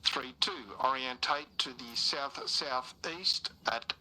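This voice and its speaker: Male platoon leader, halting procedural orders, forceful bright voice through crackly military radio, some background noise. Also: medium pitch.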